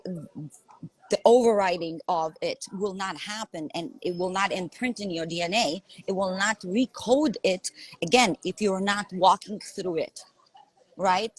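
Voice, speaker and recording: In a podcast conversation, a woman with a Lithuanian accent speaks earnestly and emphatically as a coach, repeating herself and often asking "right?" Her medium-pitched voice is unhurried with a breathy edge, and the recording quality is low.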